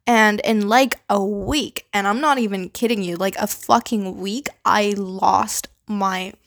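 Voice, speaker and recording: Speaking on her own podcast, this young Philippine-born host uses a Canadian accent and a loose, chatty delivery full of "like," "you know," and casual profanity. Her medium-pitched voice stays steady and unhurried, touched with vocal fry.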